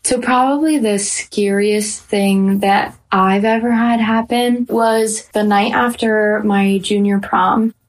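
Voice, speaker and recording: A woman's voice: medium pitch, steady tone, slow, few pauses, poor audio. A young adult woman in casual conversation, retelling her own experience with quoted asides. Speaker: podcast guest. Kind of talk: casual personal storytelling.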